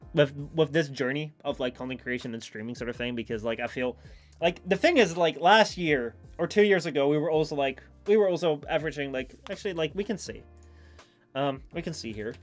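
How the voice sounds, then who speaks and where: Male live streamer, higher-pitched voice, loose rambling chat, faint music underneath. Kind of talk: casual chat with stream viewers.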